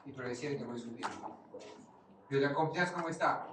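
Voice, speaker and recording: A man's voice: mid-range voice, fairly quick. A man giving a physiology lecture, quizzing the class and answering his own questions. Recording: far-off mic in an echoey room, noisy.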